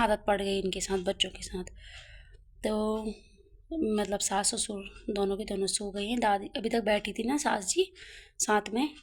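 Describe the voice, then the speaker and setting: This is a young woman with an Uttarakhand Hindi accent, speaking in a mid-range voice. She tells a story in a casual home vlog, chatty and animated, with frequent asides. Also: mid-range voice. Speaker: vlogger.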